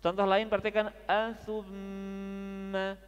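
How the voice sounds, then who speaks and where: A man teaching Quran recitation at a mosque study session, chatty and joking, drilling the audience with slow, drawn-out recitations. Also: high-pitched, monotone, clean tone.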